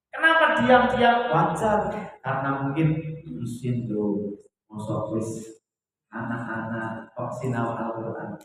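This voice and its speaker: A man with a Javanese accent preaching to a women's study group, in a lively, sing-song style that swings between loud and soft. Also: fairly high pitch. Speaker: Islamic preacher. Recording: echoey hall, voice from a distance.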